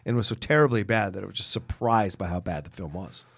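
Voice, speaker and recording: A podcast co-host with a fairly low, gravelly voice talks fast in a casual film chat. His opinions come out blunt, emphatic and full of swearing.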